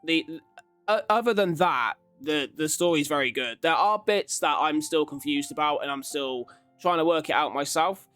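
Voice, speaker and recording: Over background music, a YouTube reaction host rambles through a casual ranking, talking informally as if in conversation. He speaks at a moderate pace in a slightly high voice that's a bit bright and clean.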